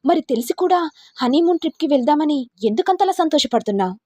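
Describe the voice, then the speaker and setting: A woman's voice: high voice, lively intonation, fast, darkish tone, dry recording, clean studio sound, voice pushed up. A woman voicing an angry, frustrated young husband in a story, mocking his wife with harsh rebukes.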